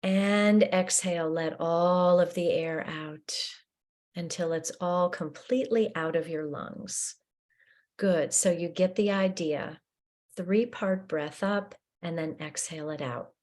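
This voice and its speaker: Long pauses separate the cues as a woman guides a breathing meditation. Her voice runs a bit low, and her manner is gentle, soothing, and very unhurried.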